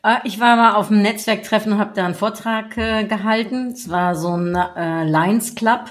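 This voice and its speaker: A woman's voice: medium pitch, normal speed. A woman hosting a casual interview, chatty and asking open questions. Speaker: podcast host.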